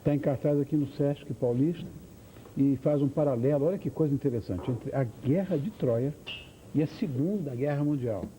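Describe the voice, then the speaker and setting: Tv talk show host guy, effusive, very dark mellow voice, faint studio hum. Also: medium pitch, moderate pace, low-quality recording.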